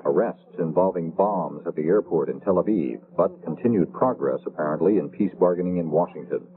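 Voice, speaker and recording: A deep male voice reads network headlines in a steady, formal announcer style. The sound is narrow and phone-like, as on an old radio broadcast. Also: a little fast. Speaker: radio news anchor. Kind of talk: scripted newscast. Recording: tinny 1970s radio broadcast.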